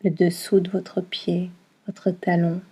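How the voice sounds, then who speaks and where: Her voice sits on the low side, mellow and a touch husky, moving very little in pitch as she guides a yoga nidra meditation. Soothing instructions come in short phrases, with long, tranquil pauses in between.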